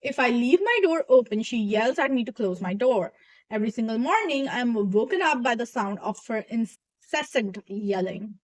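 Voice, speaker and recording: A woman's voice: on the high side, expressive, moderate pace, rough recording. Chatty young woman reading posts aloud. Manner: reads posts and adds chatty asides. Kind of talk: casual chat, reading stories aloud.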